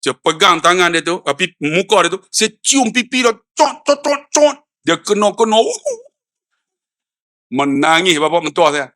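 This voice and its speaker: A middle-aged man with a Malaysian Malay accent preaching a lively sermon, acting out quoted dialogue and swinging from low asides to high emphatic peaks. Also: normal speed. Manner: acts out quoted dialogue in storytelling. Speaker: religious preacher.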